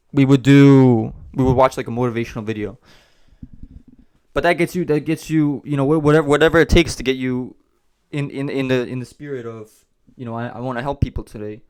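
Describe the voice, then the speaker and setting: A man's voice: mid-range voice, clean tone. A man hosting a business vlog, talking casually to camera and repeating himself as he rambles. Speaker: host of a business channel.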